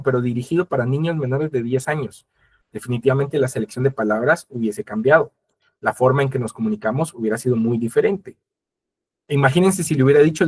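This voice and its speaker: A man leading an online training session, talking at a brisk clip. His voice has a husky, slightly rough edge. He explains each step directly to his viewers and slips into quoted dialogue to make his points. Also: medium pitch, darkish tone. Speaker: webinar presenter. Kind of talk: instructional webinar talk.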